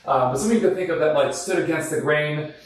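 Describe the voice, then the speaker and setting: A man hosting a dental podcast interview, asking questions in a relaxed way. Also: a little high, quick pace. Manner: relaxed, asks questions with fillers like "like". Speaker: dentist podcast host. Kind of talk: conversational interview. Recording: roomy, distant mic.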